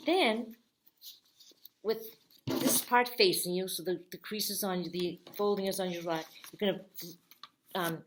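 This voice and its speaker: Woman, children's librarian, craft tutorial, friendly step-by-step, low voice. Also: noisy background.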